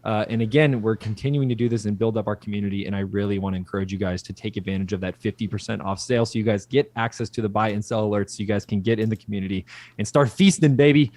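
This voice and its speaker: A man's voice: on the low side, fast, a little mellow, no echo. A man co-hosting a livestream as a slangy, hyped crypto bro, casually promoting and reading out viewer comments. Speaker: livestream co-host.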